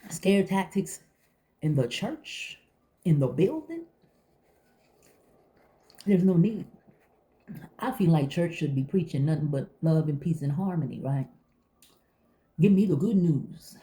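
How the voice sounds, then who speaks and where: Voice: medium pitch, expressive, unhurried, long pauses, dark tone. A vlogger in a casual, folksy chat to viewers, emphatic and repetitive, talking with a mouth full of food. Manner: conversational, folksy, emphatic repetition, addresses listener as baby.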